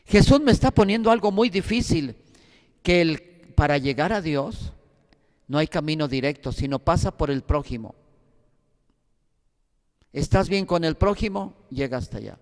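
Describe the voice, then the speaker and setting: Sacerdote mexicano dando clase bíblica, voz algo aguda y rasposa, tono exhortativo, sala con eco largo. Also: male voice, fairly high pitch, lively intonation, normal speed, pauses often, a little mellow, big-room sound. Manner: earnest, exhortative, anecdotal. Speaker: priest teaching a Bible course. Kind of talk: Bible class lecture.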